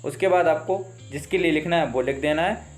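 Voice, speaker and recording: In a fairly high voice, a native Hindi-speaking teacher with an Indian accent instructs students for an exam over faint music. He takes things one step at a time, going back over key points and reading material out slowly and deliberately.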